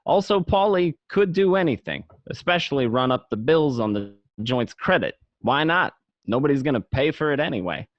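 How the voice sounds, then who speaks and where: This man voices a streetwise gangster narrating his own story for a radio play, sounding cynical and matter-of-fact. His mid-range voice is expressive and close to everyday speech, moving at a moderate pace. The home recording is dry, echo-free, and muffled.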